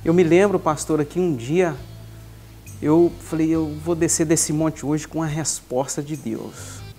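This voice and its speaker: A man's voice: a little high, steady tone, measured pace, warm tone, soft background music. A man giving an emotional personal testimony as a church guest, earnestly reenacting his prayers aloud.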